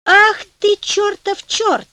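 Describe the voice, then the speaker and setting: Cheeky young storybook hero, wry and bossy, high lively voice, read by a woman. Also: unhurried, dry recording. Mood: commanding. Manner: mock-modest, then commanding. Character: clever, cheeky young man, bold.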